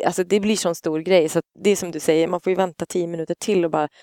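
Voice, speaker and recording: A woman's voice: on the low side, smooth, dry recording, clean studio sound. A woman, casually telling a story on a podcast and acting out the quotes. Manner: animated anecdote-telling, acts out quotes loudly. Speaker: podcast co-host, parent.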